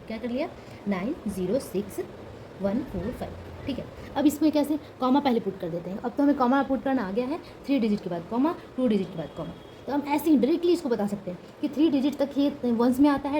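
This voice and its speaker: A woman's voice: a little high, warm tone, slight background noise, rough recording. A woman teaching a lesson, explaining step by step, asking questions and repeating key words, with English number words mixed into her speech.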